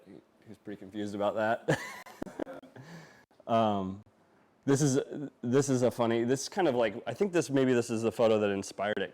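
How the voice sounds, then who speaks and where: A young man from Norway, raised in Arizona, talking casually over slides about his motorcycle shop, halting and full of fillers. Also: fairly low pitch, a little mellow. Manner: halting, filler-heavy, laughs easily. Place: event space before a live audience.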